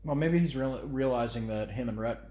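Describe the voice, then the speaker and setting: A father in his thirties co-hosts a casual parenting podcast, speaking with a commanding voice that carries. His tone is warm, medium-pitched and a little fast, and the recording is in an echoey room.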